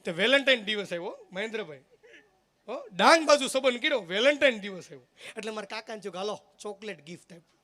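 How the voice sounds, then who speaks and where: A man's voice: sits high, animated, fast talker, sharp tone. A man telling comic stories live on stage, joking and teasing the audience directly. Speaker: folk stage comedian.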